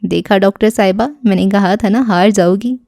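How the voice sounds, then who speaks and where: A confident young suitor in an audio storybook, teasing and affectionate in a warm, mellow voice, read by a woman narrator. Recorded close and dry with no room sound. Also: lowish voice, steady tone, no room sound, close to an everyday voice.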